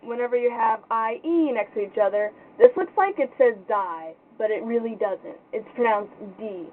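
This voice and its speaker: A young woman giving an informal pronunciation lesson in a casual, halting way, thinking aloud as she explains. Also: fairly high pitch, lively intonation. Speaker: language tutor. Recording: tinny phone-like sound with faint noise.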